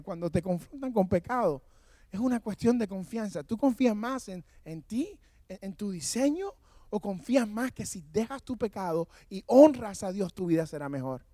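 Pastor, male, high voice, fiery sermon delivery, dry close sound. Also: no echo. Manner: passionate, shouting at times; storytelling with self-mocking humor. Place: church, speaking from the altar.

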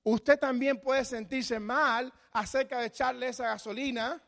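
High-voiced preaching man, big hall. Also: steady tone, a little slow, vocal fry, fairly bright tone. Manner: dynamic preaching, acting out imagined voices. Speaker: pastor. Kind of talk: sermon. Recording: long hall reverb.

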